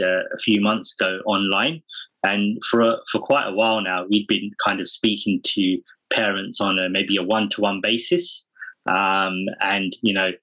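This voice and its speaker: A man's voice: on the low side, bright, forceful tone, low-quality recording. A man speaking earnestly and informally as a guest in a casual podcast interview. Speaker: podcast guest, parenting community founder.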